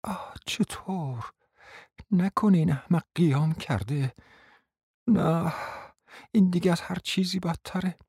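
A man voicing a scheming middle-aged hostess muttering to herself in a hushed voice. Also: fairly high pitch, long pauses, slightly rough, no room sound, clean studio sound, pitched above the performer's own voice. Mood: alarmed.

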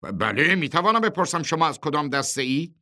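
A man's voice: a little high, sing-song, bright, forceful tone, voice pushed up, heavily acted. A man voicing a nervous, middle-aged male committee chief who stammers and tries to placate.

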